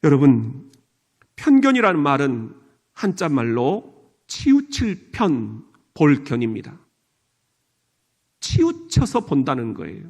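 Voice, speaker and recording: A man's voice: on the high side, huge pitch swings, takes it slowly, pauses often, darkish tone. A middle-aged man with a Chungcheong Korean accent, preaching a sermon as a pastor and playfully mimicking regional dialects.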